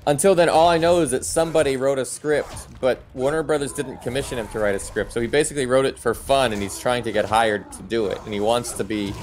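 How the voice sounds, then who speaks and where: Over background music, a middle-aged livestream host casually answers viewer comments and gives his opinions. His mid-range voice moves fast, with hardly any pauses.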